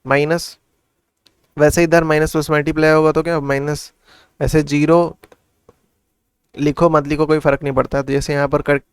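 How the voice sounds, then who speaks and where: A man's voice: fairly high pitch, flat delivery, moderate pace, long pauses, smooth, no echo, clean studio sound. A man tutoring maths in casual Hindi mixed with English, working sums aloud and asking and answering his own questions. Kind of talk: casual classroom explanation.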